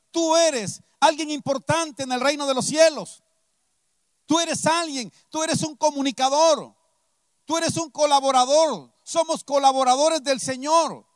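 A man's voice: very high voice, no room sound, clean studio sound. A man preaching a sermon as a pastor, telling a story with emphasis and repeating his key phrases.

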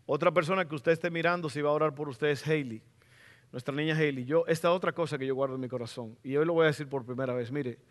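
A middle-aged man preaching a sermon as pastor in a church, fervent and rising to loud exclamations. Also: a little high, steady tone, fast talker. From Latin America.

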